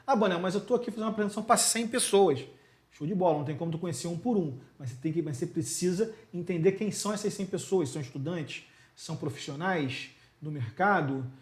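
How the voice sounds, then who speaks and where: Brazilian male teacher, somewhat high-pitched, emphatic and casual, asks the listener rhetorical questions. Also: a little mellow. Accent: Brazilian Portuguese. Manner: gestures constantly while talking. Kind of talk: casual video lecture.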